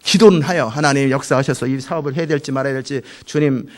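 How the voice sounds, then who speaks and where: A middle-aged male pastor preaching a sermon, acting out quoted prayers in lively back-and-forth. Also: mid-range voice, quick pace.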